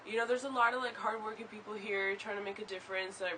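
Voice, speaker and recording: A young adult from Venezuela answering casually, with easygoing, drawn-out filler words. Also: mid-range voice, fairly even intonation, sharp tone, slight background noise, low-quality recording. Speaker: interviewee. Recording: clear background ambience.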